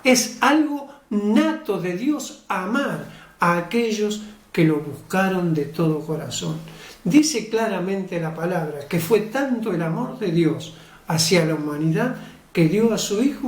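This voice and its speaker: Slow-preaching woman in an echoey room. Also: on the low side, animated, darkish tone, distant mic. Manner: slow, emphatic preaching with repeated phrases. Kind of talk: sermon.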